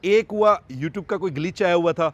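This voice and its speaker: A man's voice: sits high, normal speed, muffled recording. A man keeping animals on a farm, talking casually to his vlog viewers in a chatty way and repeating phrases to press a point. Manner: calm, coaxing with an animal. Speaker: vlogger, wild animal farm keeper.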